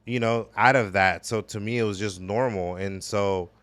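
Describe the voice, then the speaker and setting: A man from El Salvador, a podcast guest, talking reflectively about his upbringing with many pauses and fillers. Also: fairly low pitch, steady tone, a bit bright, dry recording. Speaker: podcast guest, business owner. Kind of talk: casual conversational interview. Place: gallery space.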